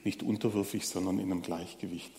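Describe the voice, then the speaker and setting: A man giving a sermon in a conversational way, speaking straight to the congregation and pausing often on fillers. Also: low-pitched, level tone, creaky, mellow, big-room sound. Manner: conversational, addresses the audience directly with many fillers. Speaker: preacher.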